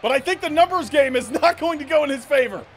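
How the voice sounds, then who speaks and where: A man's voice: very high-pitched, animated, quick pace, very noisy. A man calling wrestling play-by-play in a dramatic, exclamatory style of match commentary.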